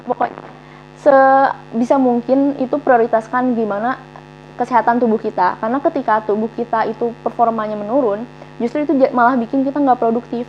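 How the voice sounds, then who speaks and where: Young woman guest, quick casual talker, dull recording with faint hum. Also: a little high, steady tone. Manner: chatty, many fillers. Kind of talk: casual chat.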